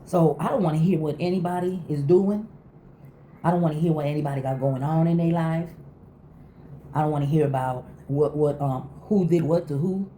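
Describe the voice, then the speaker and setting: Middle aged lady vlogger just chatting, super dark soft voice, emphatic, acts out quotes, bit of noise behind. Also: low voice, moderate pace. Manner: candid and emphatic, repeats phrases, acts out quotes. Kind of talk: casual chat to viewers. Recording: faint background noise.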